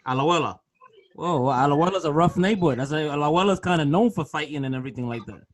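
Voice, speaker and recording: A man's voice: a little high, quick pace. A man hosting a casual podcast interview, eager, repeating his questions and cutting in. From raised in Brooklyn and Boston. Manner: eager, repeats himself, cuts in. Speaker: podcast host.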